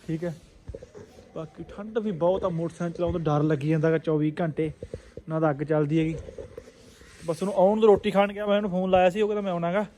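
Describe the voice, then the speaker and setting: A Punjabi man talks in a casual vlog style, addressing viewers like friends. His voice sits slightly high but has a soft, mellow tone. The noisy phone recording carries faint ambient sound. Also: fairly even intonation, quick pace. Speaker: vlogger.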